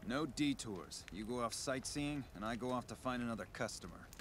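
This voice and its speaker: A man playing a smug, self-important mercenary bodyguard in a video game, talking briskly and confidently. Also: medium pitch, lively intonation, slight background noise, lightly acted. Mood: confident, businesslike. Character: smug, cocky male mercenary bodyguard, shady con artist. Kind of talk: video game character dialogue.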